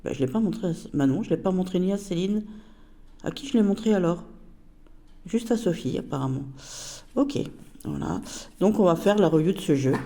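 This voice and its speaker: A woman's voice: lowish voice, lively intonation, fairly quick, long pauses, warm tone. A woman casually reviewing a tarot deck, chatty and hesitant with many fillers.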